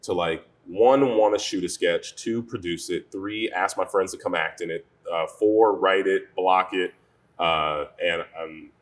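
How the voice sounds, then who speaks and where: A man who is a voice actor and gaming creator, chatting casually in an interview and telling animated stories. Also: sits low, unhurried. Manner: animated storytelling, slips into character voices. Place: bar and lounge.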